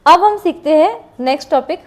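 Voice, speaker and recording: A woman teaching shorthand, slowly spelling out letters and repeating each example word twice. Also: high voice, lively intonation. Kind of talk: classroom lesson with board writing.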